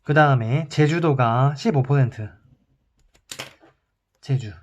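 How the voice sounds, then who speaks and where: A male teacher giving a recorded math lesson. He explains calmly and step by step while drawing on a chart. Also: medium pitch, slow pace, highs cut off, a little hiss or hum.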